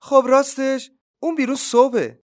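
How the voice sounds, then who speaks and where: A man voicing a small frightened male mouse in a storybook reading, squeaky and fearful. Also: fairly even intonation, a little mellow. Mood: curious.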